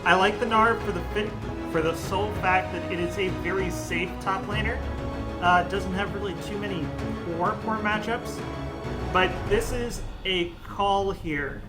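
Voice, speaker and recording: A man's voice: sits high, measured pace, over loud music. A young man solo casting an esports draft, chatty and jokey, thinking aloud on a headset mic. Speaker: esports caster.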